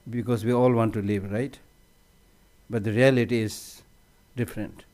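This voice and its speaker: A man teaching on meditation at a conference, conversational, often repeating words as he restarts a phrase, with gentle humor. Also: lowish voice, fairly even intonation, normal speed. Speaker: Buddhist teacher.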